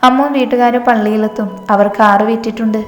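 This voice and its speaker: A woman voicing a gentle, loving mother who soothes and coaxes her daughter. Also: fairly high pitch, fairly even intonation, fast, close to an everyday voice. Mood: soothing. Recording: echoey room, long reverb, faint music.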